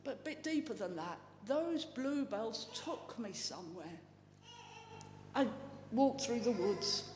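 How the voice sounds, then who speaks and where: A man from South East England with a notably high voice gives an informal slide talk, halting and heartfelt, full of restarts. His voice carries the long echo of a big hall, with faint room ambience underneath. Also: expressive, a little hiss or hum. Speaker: speaker sharing personal testimony. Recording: echoey hall with long reverb.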